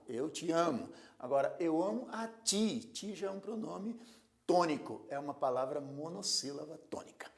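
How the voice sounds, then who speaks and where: A man teaching a grammar lesson, slowly stressing the syllables of example words. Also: on the high side, creaky. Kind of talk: recorded lecture.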